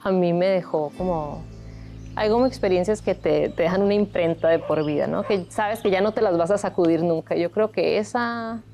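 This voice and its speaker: A Colombian-raised woman in her thirties, founder of a migrant shelter, reflects openly on her life for a documentary interview. She speaks at a moderate pace in a lowish, dark-toned voice, with soft music playing behind her.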